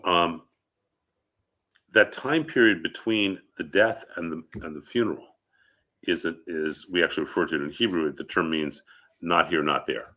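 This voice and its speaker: In an informal talk on funeral customs, a rabbi with a head cold sniffles a little and keeps checking in with his listeners through short questions. His voice sits low but comes across pushed and bright, at normal speed.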